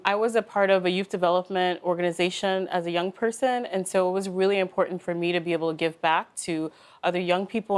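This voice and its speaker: Composed woman mentor, lowish voice. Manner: composed, articulate. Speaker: youth mentor. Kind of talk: studio interview answers. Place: television studio.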